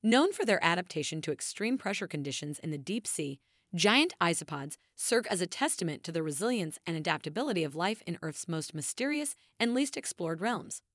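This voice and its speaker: Woman narrating a nature documentary, lively intonation. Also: fairly low pitch, brisk, no room sound, studio quality.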